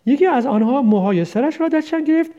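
Brief: male audiobook narrator, high-pitched yet mellow, steady delivery. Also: dull audio. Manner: steady reading with occasional slips. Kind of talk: audiobook story reading.

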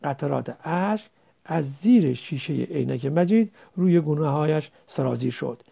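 A man reading a novel aloud as narrator, in a lively storytelling manner. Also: a little high, vocal fry, husky, muffled recording.

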